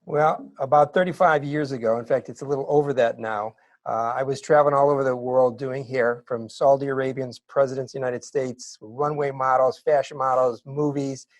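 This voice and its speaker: A middle-aged man telling his story as an interview guest, animated and building to excited bursts. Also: mid-range voice, no echo. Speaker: interview guest, wig maker.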